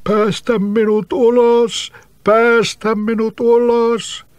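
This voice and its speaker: A man voicing a huge, scheming male spirit trapped in a bottle, calling out in slow, drawn-out phrases in a storybook reading. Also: flat delivery, echoey room, in a large hall. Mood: pleading. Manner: slow, drawn-out, booming calls.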